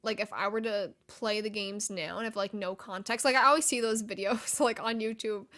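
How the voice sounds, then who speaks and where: A woman in her twenties hosting a casual gaming show, talking excitedly, swearing freely and laughing often. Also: medium pitch, normal speed. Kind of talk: casual chat.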